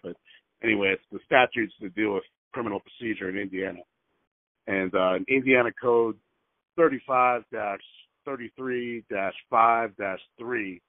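A man making a phone call and leaving a voicemail, heard over a landline phone line. He speaks carefully and hesitantly, with frequent fillers, and repeats details and numbers slowly. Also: on the low side, vocal fry, no echo. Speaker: caller. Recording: tinny, dry phone line.

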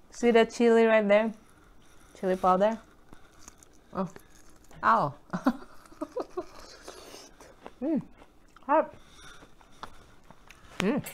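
A woman hosting a casual eating vlog, chatty and excited, with drawn-out exclamations between bites. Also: medium pitch, a little hiss or hum. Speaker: mukbang vlogger.

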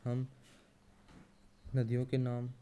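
A young man teaching a grammar lesson, explaining slowly and deliberately and spelling out his examples word by word. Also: medium pitch, monotone, warm tone, slight background noise.

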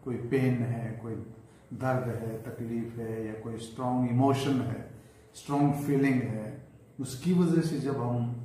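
A man gives an English grammar lesson in Hindi and writes on a board as he talks. His voice is dark and mellow, and he says words over and over and checks with "right?" and "clear?". The recording has a heavy room echo with a faint hiss behind it. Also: mid-range voice. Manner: explains slowly, repeats words, asks "right?" and "clear?".

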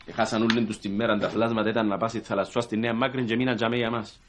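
A man's voice: lowish voice, level tone, a little hiss or hum, close to an everyday voice. An actor playing a weary, sarcastic Cypriot husband in a sitcom, speaking Cypriot Greek and grumbling at his wife. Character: exasperated practical Cypriot husband. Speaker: Fotis, comic husband in a sitcom.

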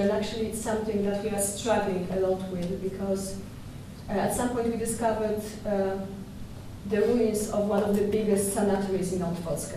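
A young woman curator giving a conference talk at a podium microphone in a dark lecture hall, measured and thoughtful with small hesitations and restarts. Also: medium pitch, noisy background. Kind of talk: conference presentation. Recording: echoey hall from far off.

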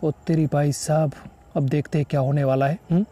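A man commentating on a horror video game as he plays, with frequent excited exclamations. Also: fairly high pitch, a little fast. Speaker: gaming YouTuber. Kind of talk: let's play commentary.

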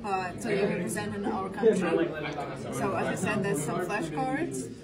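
A woman's voice: medium pitch, moderate pace. A young woman with a Russian accent, an exchange student casually explaining things. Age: young adult. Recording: heavy crowd chatter behind.

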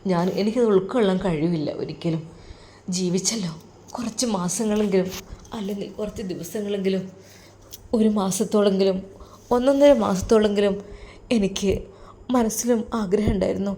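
A woman voicing a heartbroken young woman, an elder sister who talks softly and sorrowfully in a storytelling recording. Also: medium pitch, normal speed, pauses often, slight background noise, close to an everyday voice. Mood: grieving. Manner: soft, sorrowful, subdued.

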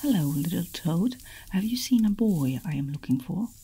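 A woman's voice: lowish voice, expressive, moderate pace, mellow, slightly rough, heavily acted. A woman voicing a menacing male dragon man in a whispered role-play storybook reading. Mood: sly.

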